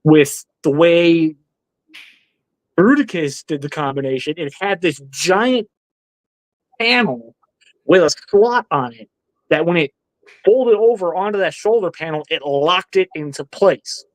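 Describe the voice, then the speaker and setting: A man's voice: on the high side, animated, measured pace, pauses often, dry recording, poor audio. Blunt, opinionated man with a raised voice. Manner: blunt, opinionated, laughs often. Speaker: stand-in co-host. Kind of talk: casual live toy discussion.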